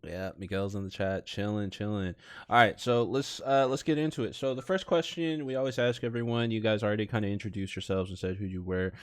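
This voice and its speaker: A young man hosts a casual podcast with a Bay Area accent. His voice sits low and sounds clean and smooth. He talks like a laid-back bro, full of slang. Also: fairly even intonation, brisk, few pauses. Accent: Californian, Bay Area. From San Francisco Bay Area, California. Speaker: podcast host. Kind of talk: casual live podcast chat.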